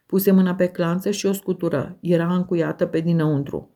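A woman narrates an audiobook in first person with a mellow, warm tone. Her voice sits a little low and her delivery is measured and expressive.

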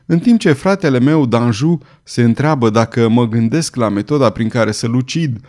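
A man's voice: mid-range voice, a little mellow, natural voice. A man voicing a fearful, feverish young king who pleads with his beloved, in an audiobook reading. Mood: tender. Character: anxious young male king, fearful and frail.

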